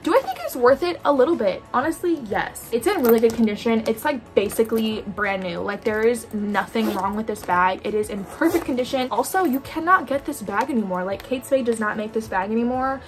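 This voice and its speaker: A young woman with a slightly high voice tells a casual storytime, lively and chatty, peppering her sentences with "like". Faint music plays softly behind her. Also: a little fast, hardly any pauses. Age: young adult. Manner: animated, talks in quoted asides, frequent "like". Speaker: vlogger.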